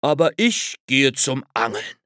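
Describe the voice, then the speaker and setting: A man voicing a calm, easygoing male bear who likes being alone, in a children's storybook reading, speaking in an unhurried, laconic way. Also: mid-range voice, no room sound, clean studio sound.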